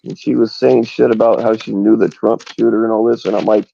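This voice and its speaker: A man hosts a livestream in a gravelly, dark voice, rambling casually between crude jokes. The audio is dull and lo-fi with a faint hiss behind him. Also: lowish voice, flat delivery, fairly quick. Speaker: livestream host.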